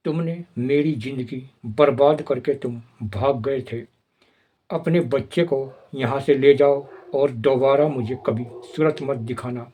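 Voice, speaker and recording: A man's voice: mid-range voice, dark tone, breathy edge. A man reading the lines of a desperate young wife in a retold film story, in a slightly raised reading voice.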